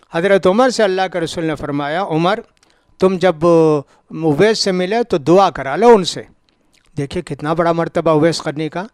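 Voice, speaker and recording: A man with a South Indian Urdu accent gives a religious lecture as an Islamic scholar, telling stories, acting out the dialogue and repeating points for emphasis. His voice is fairly high and smooth, captured as a dry, clean studio recording.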